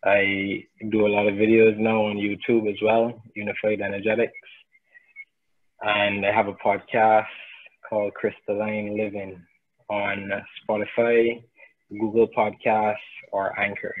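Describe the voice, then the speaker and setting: Slow, husky man on a tinny line. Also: on the low side, completely flat delivery. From Barbados. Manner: hesitant, many fillers and restarts. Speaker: guest energy healer. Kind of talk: casual video-call introduction. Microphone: video call.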